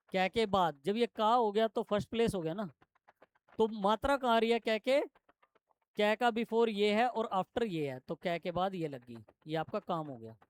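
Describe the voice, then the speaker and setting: A man teaching shorthand to a classroom, explaining step by step and quizzing his students with quick questions. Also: high voice, clean tone. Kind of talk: classroom lesson.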